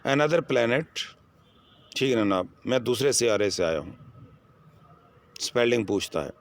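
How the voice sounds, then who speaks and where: A man's voice: medium pitch, animated, unhurried, no echo. A man with a Pakistani accent teaching English to a first-year class, reading lines of a text and translating and explaining each phrase.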